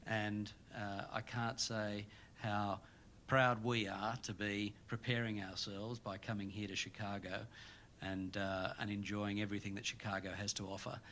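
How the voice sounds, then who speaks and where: Low, flat-voiced rugby official. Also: male voice, unhurried, slight background noise. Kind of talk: press event speech and interview.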